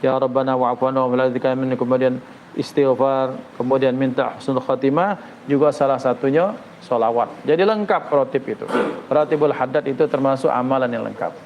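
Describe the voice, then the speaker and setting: A male religious teacher with a Palembang Malay accent, giving a relaxed lecture at a weekly study gathering, folksy and joking with animated asides. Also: medium pitch, brisk, muffled recording, a little hiss or hum.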